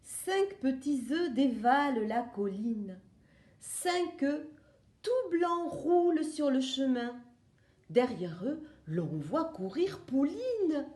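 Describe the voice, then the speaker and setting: A woman's voice: sits high, very animated, slow pace, darkish tone. A woman reading a children's story aloud in a playful, sing-song way. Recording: roomy echo.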